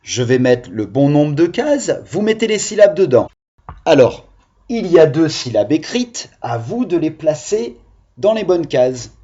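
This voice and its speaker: A man's voice: on the high side, sing-song, unhurried, dark tone, highs cut off. A male primary school teacher giving a video phonics lesson to young children, patiently sounding out syllables.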